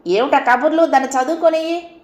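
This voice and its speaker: A woman's voice: fairly low pitch, moderate pace, darkish tone, lightly acted. Woman doing a stern middle-aged husband, scolding, sarcastic, raised voice, echoey room. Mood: shouting.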